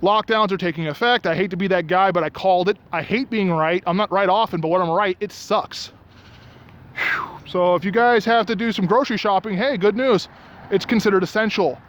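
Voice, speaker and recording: High voiced guy ranting on his vlog outside at night, getting all worked up. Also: fairly quick. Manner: ranting, gets worked up and angry. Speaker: vlogger. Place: outdoors at night by restaurants.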